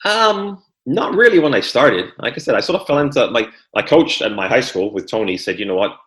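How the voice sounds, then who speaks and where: Talking about his sports career as a guest on a podcast, this middle-aged man, born in Guyana and brought up in England, is a former Olympic hurdler turned trainer who tends to repeat words when beginning sentences. His medium-pitched voice is very animated, a little fast and a bit bright, heard in an echoey room.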